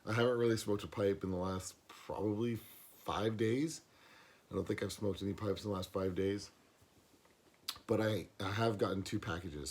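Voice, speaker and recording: This pipe-smoking vlogger does a casual box-opening video recorded on the camera's built-in mic, with no external microphone. His lowish, slightly mellow voice is hoarse, as if he's losing it, and he rambles with lots of fillers and restarts.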